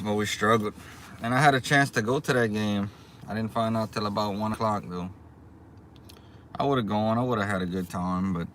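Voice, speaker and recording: Male livestreamer, low-pitched, casual and unhurried chat with viewers, recorded in a car with faint background noise. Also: fairly bright tone. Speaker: livestream host, small YouTube channel. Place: inside a car.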